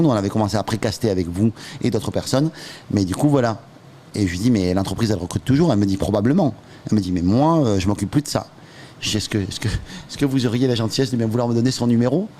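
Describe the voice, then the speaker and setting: Animated man telling a story. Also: mid-range voice, slight background noise. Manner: animated, acts out both sides of past phone calls; loose, hesitant, many fillers and restarts. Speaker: entrepreneur and trainer telling his school story. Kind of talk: casual storytelling.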